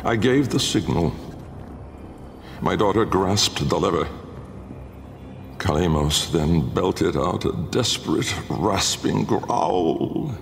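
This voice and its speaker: Bitter and reckless, an older aristocratic inventor, haunted and brooding, narrates his memoir in a video game monologue. The male actor's gravelly voice sits low, expressive and fully in character, grandiloquent and slow with pauses for effect. Music plays beneath a long, cavernous reverb.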